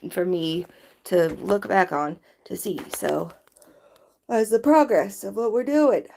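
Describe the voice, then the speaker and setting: A drowsy woman talks her way through a late-night livestream, drifting loosely from thought to thought. She speaks at an unhurried, drawn-out pace, her pitch sitting in an ordinary middle range. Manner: rambling, drowsy, chatty. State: sleepy, yawning.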